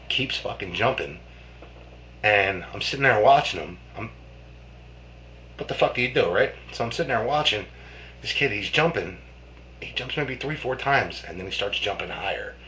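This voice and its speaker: A man's voice: lowish voice, bright, forceful tone. A man casually telling a childhood ghost story in a rambling, profane way, full of restarts and fillers. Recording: dull lo-fi with faint hum.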